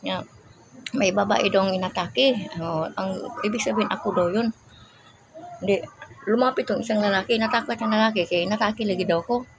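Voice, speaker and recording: An older woman tells a long personal story in a relaxed, rambling way. She often stops to search for words. Her voice sits in a middle pitch, and a steady hiss of noise runs under the recording. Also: brisk. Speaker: vlogger. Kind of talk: casual chat.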